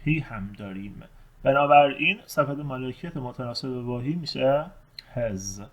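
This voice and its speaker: A man teaching English, reading test sentences slowly and then translating and explaining them. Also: mid-range voice, expressive, muffled recording.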